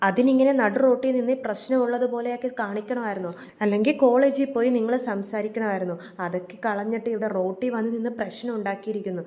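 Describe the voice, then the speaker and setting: A woman's voice: on the high side, fast, hardly any pauses, close to an everyday voice. A woman voicing a stern female police inspector who lectures and warns. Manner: sharp, lecturing.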